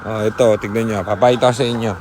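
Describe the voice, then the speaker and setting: A man's voice: fairly low pitch, little pitch movement, fast talker. Chatty man giving a garage tour outdoors. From Philippines. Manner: chatty, joking, showing cars off. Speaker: used car seller and vlogger. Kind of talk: casual vlog walkthrough. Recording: noisy outdoor ambience.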